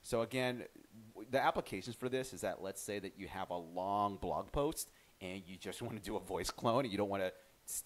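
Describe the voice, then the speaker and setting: Low-voiced man in a casual tutorial. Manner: chatty, relaxed, with frequent restarts. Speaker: tutorial host. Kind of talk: casual screen-recorded software tutorial.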